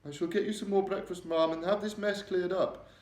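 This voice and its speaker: A man's voice: sits high, steady tone, brisk, darkish tone, pitched above the performer's own voice, lightly acted. A man voicing an oldish, deferential maid who speaks politely and with a quivering voice. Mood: nervous, shaken. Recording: roomy echo.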